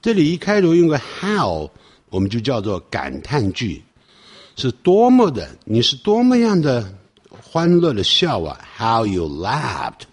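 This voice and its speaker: Husky-voiced man teaching song lyrics. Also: medium pitch, huge pitch swings. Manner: explanatory, reads English lyrics slowly. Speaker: English teacher. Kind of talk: lesson explaining song lyrics.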